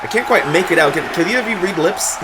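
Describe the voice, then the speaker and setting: A man working as a play-by-play wrestling commentator, exclamatory and breaking into shouts as he follows the action. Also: sits high, lively intonation, quick pace, a loud crowd, low-quality recording. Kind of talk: excited pro-wrestling commentary.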